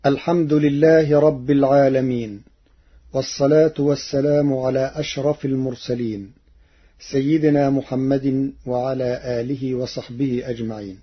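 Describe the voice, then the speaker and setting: A man giving a formal religious explanation on the radio, intoning quoted verses slowly and deliberately. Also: mid-range voice, flat delivery, breathy edge. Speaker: radio presenter explaining Quran reading variants. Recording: dull lo-fi archival radio recording.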